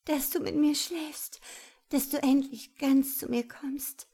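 Reader putting on a pleading young woman: high, breathless, desperate. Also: steady tone, takes it slowly, warm tone.

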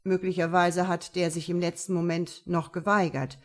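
A woman's voice: fairly low pitch, level tone, normal speed, close to an everyday voice. Woman reading a formal male police investigator. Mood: matter-of-fact.

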